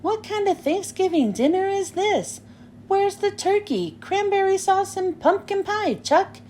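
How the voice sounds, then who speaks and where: Woman voicing a brash high-pitched little girl. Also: animated, unhurried, a little mellow, a little hiss or hum. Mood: indignant. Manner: blunt, scolding. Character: brash, indignant young girl demanding a proper dinner. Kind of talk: children's storybook read-aloud.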